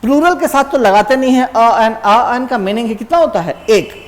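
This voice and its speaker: A man teaching an exam-prep grammar lesson, quizzing students with rhetorical questions and then answering them, saying example words slowly. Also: extremely high pitch, expressive, long reverb tail.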